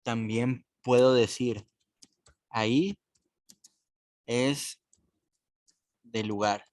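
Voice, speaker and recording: Male teacher, unhurried and patient, mid-pitched voice, dry close recording. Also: fairly even intonation, a little mellow, no echo. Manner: slow, patient, repeats words for clarity. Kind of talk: recorded online class explanation.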